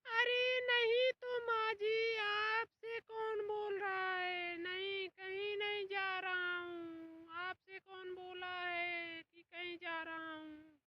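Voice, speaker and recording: An exasperated young daughter-in-law in a comedy skit, voiced by a woman. She pleads in a whiny, very high voice, and loud noise fills the background of the recording. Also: little pitch movement, takes it slowly, hardly any pauses, highs cut off.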